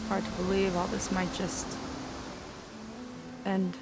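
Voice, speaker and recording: A woman's voice: mid-range voice, completely flat delivery, slow, heavy background noise, lightly acted. A woman as Seika, blunt guarded young warrior. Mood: sober, doubtful. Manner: blunt, terse, emotionally weighted. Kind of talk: naturalistic cinematic video game acting. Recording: music under the voice.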